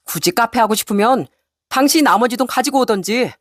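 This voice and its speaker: A woman's voice: fairly high pitch, no echo, clean studio sound, voice pushed up, lightly acted. A woman reading a cold, firm husband. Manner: flat, cold, deliberate. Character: cold, resolute middle-aged husband. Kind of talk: storybook radio narration.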